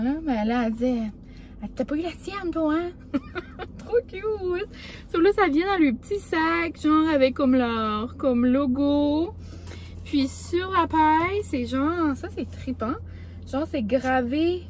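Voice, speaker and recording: A young woman vlogger with a Québécois French accent and a high-pitched voice chats casually to camera, rambling with lots of filler words. She's first at a café, then at home, with slight background noise.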